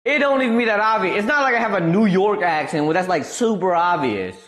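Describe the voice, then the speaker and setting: Speaking a little fast in a voice that sits high, a young Wisconsin streamer chats with his viewers in a Midwestern American accent. He's easygoing and rambly, uses many fillers, and becomes animated whenever he's amused.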